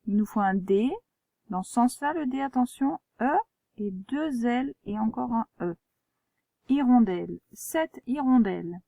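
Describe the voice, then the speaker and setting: A woman teacher giving a dictation lesson to children, spelling words letter by letter and gently pointing out traps. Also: on the high side, a little slow, vocal fry, dry recording. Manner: gentle, reminding pupils of traps. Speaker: primary school teacher.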